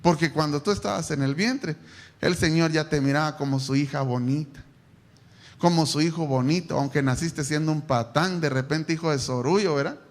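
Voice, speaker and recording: A man preaching a sermon to his congregation, animated, asking them questions and bursting into shouts. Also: fairly high pitch, normal speed. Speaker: pastor. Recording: echoey church hall, live stream.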